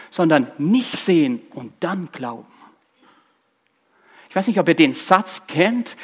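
A man delivers a sermon in a somewhat high, husky voice. He is emphatic, repeats his key phrases and speaks straight to his listeners. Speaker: preacher.

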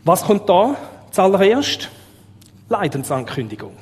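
Swiss german guy preaching, kinda high voice, lots of questions to the crowd, long hall reverb. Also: a little slow. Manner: lively, asks the audience rhetorical questions. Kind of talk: sermon.

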